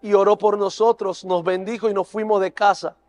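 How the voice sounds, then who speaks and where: High-voiced man preaching an earnest testimony. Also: fairly even intonation, fairly quick, darkish tone, soft background music. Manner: earnest, emotional storytelling that builds to fervent preaching. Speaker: preacher and youth leader. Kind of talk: sermon testimony. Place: church service.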